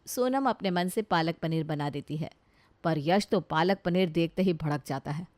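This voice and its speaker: A woman's voice: lowish voice, normal speed, darkish tone, dry recording. Brief: woman narrator, matter-of-fact bedtime story, dry studio sound.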